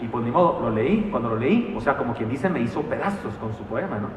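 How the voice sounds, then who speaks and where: A man preaching a sermon in a church, animated and telling stories with humor and asides. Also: medium pitch, a little fast, far from the mic, a little hiss or hum. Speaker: pastor. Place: church sanctuary. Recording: echoey hall, mic from afar.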